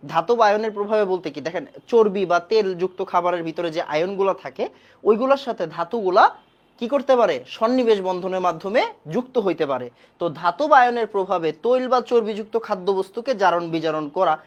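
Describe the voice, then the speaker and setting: A woman's voice: medium pitch, lo-fi sound. A woman teaching a chemistry class online, repeating key points and quizzing the class.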